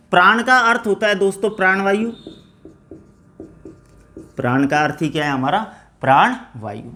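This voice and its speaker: A male teacher giving an exam-prep grammar lesson, asking rhetorical questions and answering them himself in a lower voice, often calling his students friends. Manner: drops to a lower, quieter voice on each answer.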